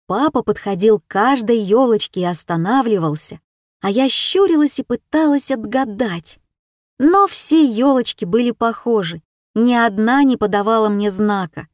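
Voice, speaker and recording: A woman reading a children's story aloud in the first person, unhurried and warm. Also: on the high side, lively intonation, dry recording, studio quality. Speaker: narrator.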